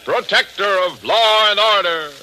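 A man announcing a 1940s radio drama, booming and emphatic, heard from an old network radio broadcast recording. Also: a little slow, pushed and bright, slight background noise, low-quality recording.

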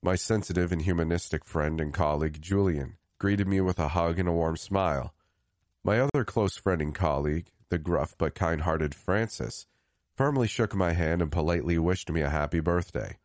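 A man reading a scripted first-person horror story in a grave, measured way, lifting the start of each new phrase. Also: sits low, a little mellow, no room sound, studio quality. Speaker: storyteller narrator.

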